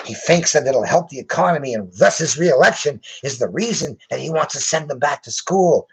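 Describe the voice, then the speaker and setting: Male commentator, husky, sarcastic, reads headlines with lively swings. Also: high-pitched, low-quality recording. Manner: sarcastic, incredulous asides.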